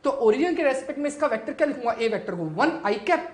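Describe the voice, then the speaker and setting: Higher-pitched woman teaching in an echoey room. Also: lively intonation, fast, darkish tone. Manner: asks students questions and answers them herself. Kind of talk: classroom physics lesson.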